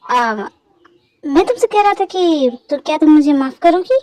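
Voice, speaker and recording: A woman voicing a gentle, remorseful young man in a fan dub drama, talking in a soft, hesitant, pleading way. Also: high-pitched, lively intonation, measured pace, low-quality recording.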